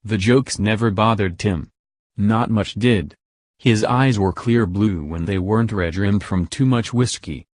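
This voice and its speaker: A man reading an audiobook in a steady, measured narration, recorded close to the mic. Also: fairly low pitch, no echo.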